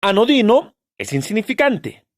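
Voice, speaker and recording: A man's voice: high-pitched, sing-song, moderate pace, no echo, studio quality. A male teacher giving an exam-prep lesson, posing rhetorical questions and answering them himself while stressing key terms.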